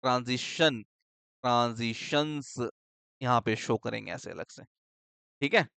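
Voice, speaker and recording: A man's voice: mid-range voice, unhurried, creaky, sharp tone, smooth, dry recording. A man teaching a shorthand lesson in a casual, explanatory way. He keeps asking questions and answering them himself, and he checks in with his students often.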